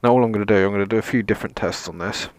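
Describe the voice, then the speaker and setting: A man's voice: lowish voice, racing, no room sound. A man presenting a casual vlog gear test in a rambling, self-deprecating way, with dry sarcasm and some mild swearing. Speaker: motovlogger, presenter.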